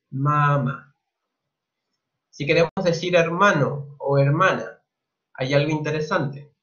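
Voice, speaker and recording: Chilean man, slow, patient teacher, fairly high voice, muffled lo-fi computer mic. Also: fairly bright tone. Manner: slow, patient, repeats each word twice. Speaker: Mandarin teacher. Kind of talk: online language lesson.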